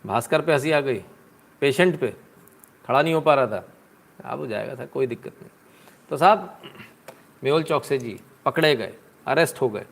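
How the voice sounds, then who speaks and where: A man's voice: medium pitch, normal speed, gravelly, long pauses. A man giving live political commentary on a stream, sarcastic and chatty, answering viewers' comments as he talks.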